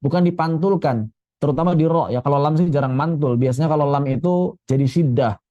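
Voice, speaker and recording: A man's voice: a little high, mellow, no room sound, muffled recording. Man teaching Quran recitation rules. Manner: explains rapidly, then chants example words slowly. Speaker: tajwid teacher.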